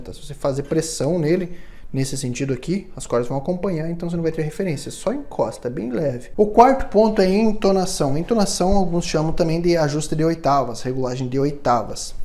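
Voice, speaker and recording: A man's voice: on the high side, mellow. A man, giving a patient, step-by-step hands-on tutorial in a luthier's workshop and checking in often with his viewers. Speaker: luthier instructor.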